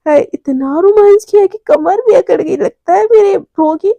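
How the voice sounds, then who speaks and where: Teasing young college girl, very high and bright-pitched, played by a woman narrator. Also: moderate pace, vocal fry, no echo, highs cut off. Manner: teasing, playful, loud.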